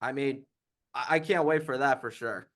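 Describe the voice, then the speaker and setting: A man's voice: mid-range voice, a bit bright. A man co-hosting a sports podcast, eager and upbeat as he asks questions. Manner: upbeat, eager, quick to react. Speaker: podcast co-host.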